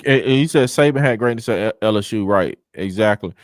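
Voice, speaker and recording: A man's voice: fairly low pitch, expressive, quick pace, dry recording, clean studio sound. A man co-hosting a casual sports debate in an informal, conversational manner. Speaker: sports show co-host.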